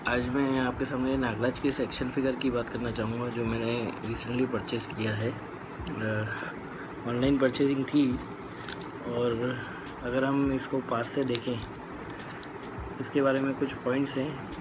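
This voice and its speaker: Man, casual toy-review vlogger, monotone delivery, hesitant with fillers, noisy recording with passing vehicles. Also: medium pitch. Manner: unhurried, many "uh" pauses, mixes English words into Hindi. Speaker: fan reviewing a collectible toy.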